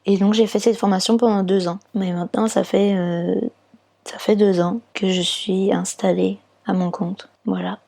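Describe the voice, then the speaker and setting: Woman, from France, fertility counsellor, interview, patient step-by-step explaining, fillers, warm mellow voice, gravelly fry. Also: mid-range voice, flat delivery, normal speed.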